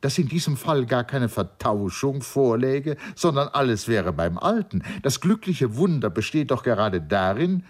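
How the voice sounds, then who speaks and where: A man's voice: mid-range voice, big pitch swings, normal speed, few pauses, voice pushed up. A man voicing a hurt young husband who argues in a reproachful, pleading way.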